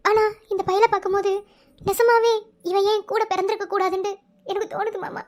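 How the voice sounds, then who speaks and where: An actress playing a loving young village wife who speaks heartfelt words in Madurai Tamil in a cartoon. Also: female voice, extremely high pitch, flat delivery, brisk. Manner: emotional, heartfelt. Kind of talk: cartoon voice acting.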